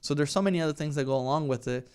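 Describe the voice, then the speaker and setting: A Brazilian man in his thirties, a real estate team leader appearing as an interview guest, speaks with a Brazilian Portuguese accent. His voice is fairly high, rapid, slightly mellow and clean. He keeps things conversational and often closes his points with "right?".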